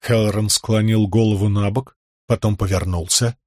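Husky low-voiced male audiobook narrator. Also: fairly even intonation, normal speed, a little mellow, no echo, studio quality. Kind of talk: scripted narration.

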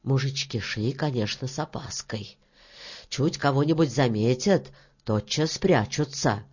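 A woman reads a fairy tale aloud in an unhurried, expressive way, at an even, middle pitch. The recording sounds dull and lo-fi. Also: husky. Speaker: narrator. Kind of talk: audiobook fairy-tale narration.

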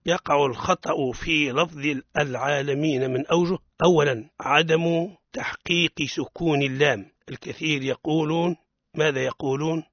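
A man's voice: fairly high pitch, fairly even intonation, normal speed, fairly bright tone, no room sound. A man teaching the rules of Quran recitation on a radio lesson, pointing out mistakes and then modelling the correct pronunciation. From Tunisia. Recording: dull lo-fi radio sound.

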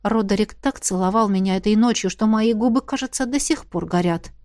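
A woman narrating a fantasy audiobook in the first person, reading in a measured, expressive way. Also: medium pitch, no room sound, studio quality.

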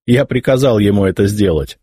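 Voicing an audiobook character, a man plays an arrogant young heir to the emperor's throne who sneers at, mocks, and threatens his old uncle with contempt. His fairly low voice is mellow with a breathy edge, lively in intonation and a little fast, recorded at studio quality with no room sound.

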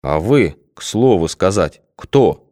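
A gruff, suspicious provincial guard giving blunt, terse answers in a storybook reading, performed by a man. His voice is low but lively in pitch. The recording is dry and close. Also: slow, no room sound, exaggerated voice.

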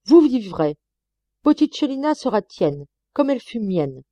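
A woman's voice: on the high side, sing-song, measured pace, mellow, dry recording, lo-fi sound, voice pushed up. A woman reading an anguished male painter. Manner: impassioned, exclamatory.

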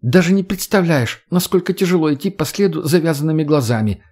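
A man's voice: a little high, expressive, fairly quick, darkish tone, slightly rough, voice pushed up. A man voicing a sly, teasing young redheaded woman who swears and mocks in an audiobook. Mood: mocking.

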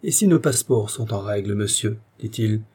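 Male reader as composed king, formal delivery, husky low voice. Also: animated, warm tone. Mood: measured. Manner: measured, formal. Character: dignified male king, calm and commanding.

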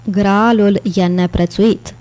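A woman voicing a calm, defiant older British scholar on crutches, in an audiobook. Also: medium pitch, close to an everyday voice.

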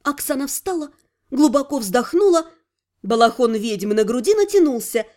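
A woman narrating an audiobook in a high voice. She reads with lively, ironic storytelling and a scripted, even delivery. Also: normal speed.

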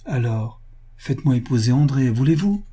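A man's voice: mid-range voice, animated, normal speed, mellow, husky. A man reading the part of a young, proud noble heiress who speaks in a cold, decisive, commanding manner. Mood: wistful.

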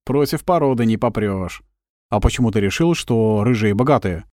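A man voicing a young male agent in his twenties who asks plain, earnest questions at an unhurried pace. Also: lowish voice, animated, darkish tone, dry recording, clean studio sound, lightly acted. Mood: curious.

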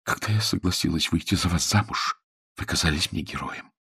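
A man reading aloud and voicing an upset young woman who speaks softly in a trembling, pleading voice. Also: low-pitched, brisk, vocal fry, husky, full character voice. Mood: reproachful.

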